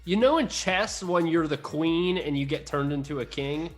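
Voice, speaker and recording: A young man co-hosting a gaming podcast, excitable and teasing in casual banter. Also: a little high, normal speed, faint music behind. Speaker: podcast co-host.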